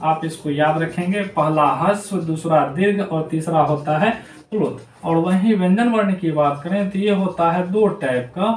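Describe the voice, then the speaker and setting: A man teaching children in a high voice, saying each term again and again so it sticks. He sounds set back from the mic in a room that rings with echo, and faint noise sits behind him. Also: moderate pace, distant mic. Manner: repetitive, drills terms aloud. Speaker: Hindi grammar teacher. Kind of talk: classroom lesson to children. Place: noisy room.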